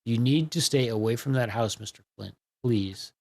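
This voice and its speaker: A man's voice: mid-range voice, moderate pace, gravelly, a little mellow. A man voicing a polite, anxious husband who speaks earnestly and apologetically. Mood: earnest pleading. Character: anxious, polite husband worried for his wife.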